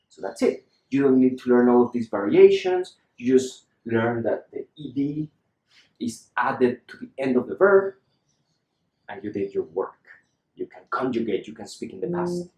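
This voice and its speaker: A man's voice: mid-range voice, moderate pace, a little mellow. Man teaching English pronunciation in a roomy space. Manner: patient, repeats words for the learner to copy. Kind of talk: lesson.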